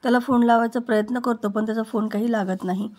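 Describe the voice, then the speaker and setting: A woman narrating a TV serial recap as steady, scripted storytelling. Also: a little high, fast talker.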